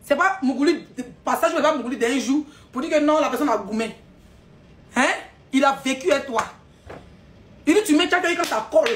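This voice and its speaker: A woman's voice: high voice, a little hiss or hum. A woman ranting on a live stream, scolding and mocking her audience with frequent laughs.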